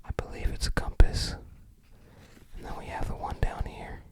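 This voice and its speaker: This ASMR unboxing is narrated in an airy, unvoiced whisper at a moderate pace. The host keeps up soft, meandering commentary throughout.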